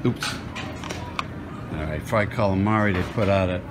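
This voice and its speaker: A man's voice: low-pitched, normal speed, noisy background. A man filming a casual walk-through of a restaurant buffet on his phone, chatting and muttering to himself as he picks food. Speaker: vlogger. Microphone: handheld phone.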